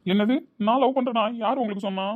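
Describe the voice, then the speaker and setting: A man's voice: sits high, racing, gravelly, narrow, tinny audio. A man playing a cheeky young tea-shop owner who answers playfully and evasively in an amateur audio drama.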